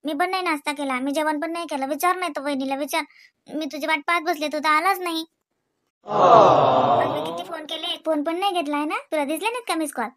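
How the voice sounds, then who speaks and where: A woman's voice: sits high, brisk, a bit bright. A woman voicing a pleading cartoon wife. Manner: pleading, sulky, repeats sorry. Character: apologetic young wife Rashmi, sulky and pleading. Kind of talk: cartoon voice acting.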